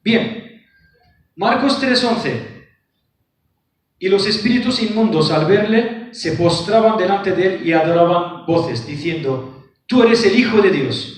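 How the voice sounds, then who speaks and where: A man's voice: sits high, lively intonation, takes it slowly, long pauses, far from the mic. A man giving a lecture on scripture. He reads verses aloud and explains them with rhetorical questions. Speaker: book presenter. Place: lecture room. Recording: very echoey hall, voice from afar.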